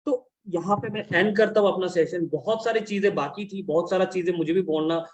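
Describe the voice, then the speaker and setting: High-voiced blunt man coaching a team. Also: brisk. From India. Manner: blunt, scolding, mixes Hindi and English. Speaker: business consultant and trainer. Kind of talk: training session talk.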